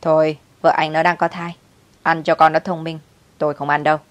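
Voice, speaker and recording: A woman's voice: sits low, flat delivery, fairly quick, no echo, lightly acted. A woman voicing a spiteful mother-in-law who needles in a sarcastic, sulky tone.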